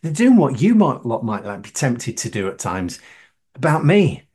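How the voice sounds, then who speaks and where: A man's voice: medium pitch, sing-song, normal speed, a little mellow, slightly rough. A man, preaching a sermon and putting questions to his listeners with emphasis. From northern England.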